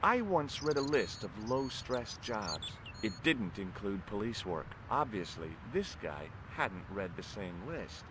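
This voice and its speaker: A man's voice: on the low side, very animated, unhurried, few pauses, background noise. An actor playing a wry adult male amateur sleuth in a video game, speaking in a dry, sardonic way.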